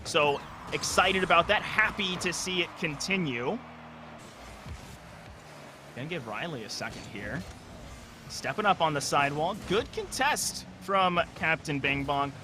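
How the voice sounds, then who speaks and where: A young man giving energetic, analytical live commentary on an esports match. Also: fairly high pitch, a little hiss or hum. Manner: energetic analytical play-by-play, frequent restarts.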